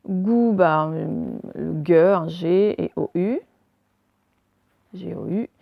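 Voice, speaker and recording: A woman teacher giving a recorded spelling lesson, dictating words slowly and spelling them letter by letter. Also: fairly low pitch, creaky, no room sound, dull audio. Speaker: primary school teacher.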